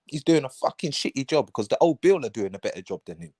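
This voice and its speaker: A man argues in a loose, slangy chat. He talks with emphatic swings in pitch, and the sound is dry and close. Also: big pitch swings, fast, warm tone, breathy edge, dry recording. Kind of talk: casual debate chat.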